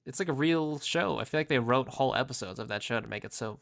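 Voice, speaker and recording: A man's voice: medium pitch, fast talker, vocal fry, fairly bright tone. A man co-hosting a podcast, chatting casually and rambling through scene recaps with filler words. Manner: rambling, acts out characters' lines in quotes. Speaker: podcast co-host.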